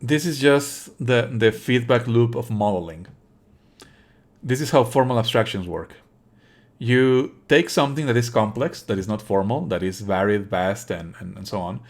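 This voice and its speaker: Livestreaming casual game commentary, a man with a mid-range voice sounds opinionated and dismissive. He swears and explains in a halting manner, leaning on repeated phrases.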